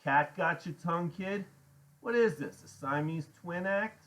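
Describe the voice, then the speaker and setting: A man voicing a big, mocking, menacing biker gang boss in an audiobook, with rough slangy commands. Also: mid-range voice, lively intonation, moderate pace, fairly bright tone, pitched above the performer's own voice, close to an everyday voice.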